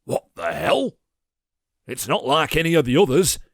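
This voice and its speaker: A man doing a flustered shouting commander. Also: lively intonation, normal speed, no echo, clean studio sound. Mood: bewildered. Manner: shouting orders in a strained high voice. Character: flustered male commander, tense, on megaphone. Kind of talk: audiobook character voice.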